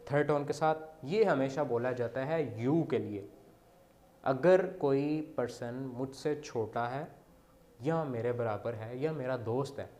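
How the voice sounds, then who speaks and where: With a medium-pitched, somewhat dark voice, a man gives a beginner Chinese lesson, explaining step by step and frequently checking in with his students.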